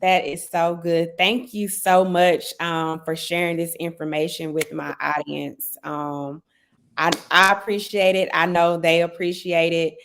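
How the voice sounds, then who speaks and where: A woman's voice: fairly low pitch, flat delivery, unhurried, fairly bright tone, a little hiss or hum. A woman hosting a casual livestream promotion, chatty and urging listeners on, repeating words for emphasis. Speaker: livestream host, event organizer. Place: remote live video stream.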